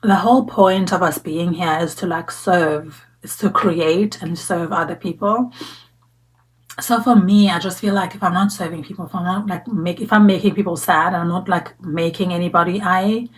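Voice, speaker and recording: A woman's voice: lowish voice, steady tone, moderate pace, poor audio. A woman, chatting reflectively to camera in a casual vlog, full of fillers and restarts. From South Africa. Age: 30s. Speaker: vlogger. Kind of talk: casual get-to-know-me vlog. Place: sitting at home talking to camera.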